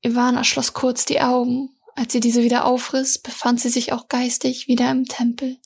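Breathy woman reading a fantasy story, high-ish voice, pretty flat and steady. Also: normal speed. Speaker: audiobook reader.

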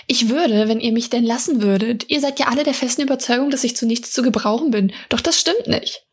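A woman reading the lines of an anxious young man in a storybook, urgent and indignant, with a breathy voice. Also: fairly high pitch, fairly quick. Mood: agitated.

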